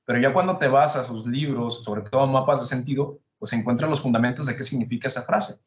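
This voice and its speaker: A man's voice: mid-range voice, steady tone, fast talker, reverberant. A man, casually explaining psychology ideas as a podcast host, building his points with rhetorical questions.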